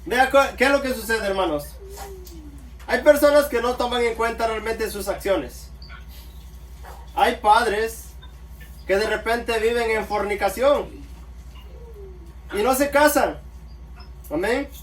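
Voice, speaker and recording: His pitch is extremely high and his delivery slow, broken by frequent pauses, as he preaches to listeners he calls brothers, punctuating with amen again and again. Recorded from a distance in an echoing room, with a faint noise floor.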